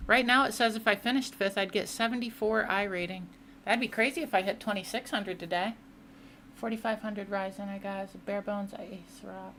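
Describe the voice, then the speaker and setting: Young woman, casual sim-racing streamer, mid-pitched, chatty, faint background noise. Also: pushed and bright. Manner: chatty, reads and answers chat mid-race. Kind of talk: casual live-stream chat while racing.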